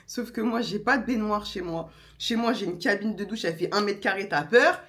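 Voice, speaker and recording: A young woman vlogger, telling a story in a casual, animated way and acting out the others. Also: mid-range voice, brisk. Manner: animated, slangy, acts out voices of others.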